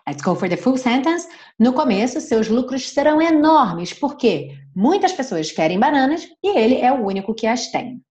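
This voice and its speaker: A woman English teacher, a Portuguese speaker, switching between slow, careful model sentences and quick explanations. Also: high voice, big pitch swings, a little mellow. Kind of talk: bilingual English lesson.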